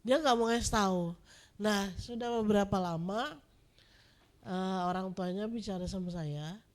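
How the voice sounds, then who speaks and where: A woman's voice: medium pitch, normal speed. A woman from the audience telling a story and asking the speaker a question, hesitant and full of fillers.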